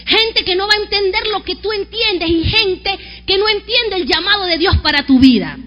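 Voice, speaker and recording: High-voiced woman pastor preaching. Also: moderate pace, long reverb tail. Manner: animated preaching with call-and-response. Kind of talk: sermon. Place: church sanctuary.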